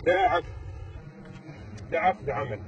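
A young man, crouching on a sidewalk and gently reassuring an older woman. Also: a little high, expressive, moderate pace, lo-fi sound, background noise. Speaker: social experiment host. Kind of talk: street interview. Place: outdoors on a city sidewalk, crouching.

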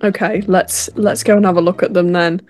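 A woman's voice: lowish voice, steady tone, fairly quick, darkish tone, faint music behind, natural voice. A woman voicing a nervous young father in a game role-play, defensive and evasive. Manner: flustered, defensive.

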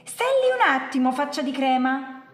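A lazy, rude monster from a picture book, acted by a woman reading aloud. It barks orders and name-calling in a high, lively voice. Soft music sits behind the roomy sound. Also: a little slow. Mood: scornful. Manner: snaps insults and orders. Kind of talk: storybook read-aloud.

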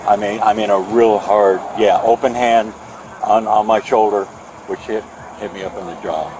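Man, halting rambling account, outdoor bodycam, steady background noise. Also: fairly low pitch. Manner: halting, rambling, many restarts. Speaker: neighbor complaining about noise. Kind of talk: statement to police on bodycam. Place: outdoors at night by a trailer lot. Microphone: officer's bodycam. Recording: noisy outdoor bodycam audio.

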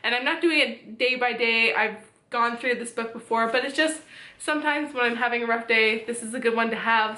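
A woman's voice: fairly high pitch, bright, forceful tone, echoey room, low-quality recording. A woman in her twenties chatting casually to camera as she shows what is in her gym bag, upbeat and talkative. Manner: chatty, upbeat, showing items one by one. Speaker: fitness vlogger. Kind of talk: casual chat. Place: small bedroom indoors.

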